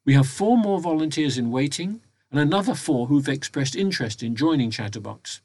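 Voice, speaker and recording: A man reads a prepared report in a measured, formal way, recording at home inside a wardrobe. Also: on the high side, lively intonation, darkish tone. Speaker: volunteer reporting to members of a local talking newspaper. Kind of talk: prepared spoken annual report, read aloud. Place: home recording inside a wardrobe, close and muffled by soft surroundings.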